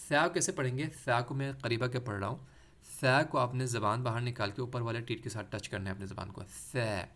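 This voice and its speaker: A patient teacher, a man in the middle pitch range for his sex. He explains each letter step by step and stretches sounds out slowly so learners can copy them. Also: a bit bright. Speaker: Quran recitation teacher. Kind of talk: explanatory lesson with demonstrated pronunciation.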